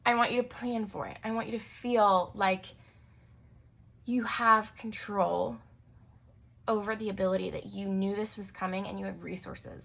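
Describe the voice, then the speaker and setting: A woman's voice: on the high side, a bit bright. A young adult woman hosting her own podcast as a naturopathic doctor, talking casually with frequent fillers and light laughs. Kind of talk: casual solo podcast talk.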